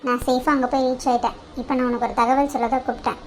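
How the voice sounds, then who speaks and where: Lady doing a fast-talking high bossy big sister in a cartoon, teasing, sneaky plans. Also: little pitch movement, a little hiss or hum, close to an everyday voice. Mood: hushed, scheming. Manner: brisk, teasing, commanding. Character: bossy elder sister-in-law, teasing and secretly scheming. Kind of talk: cartoon drama voice acting.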